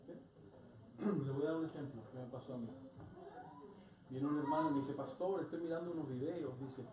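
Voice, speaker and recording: A man's voice: on the high side, moderate pace, a crowd in the background. A male pastor preaches earnestly, often asking his listeners short rhetorical questions. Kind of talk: sermon. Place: church hall. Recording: echoey church hall from far off, noisy.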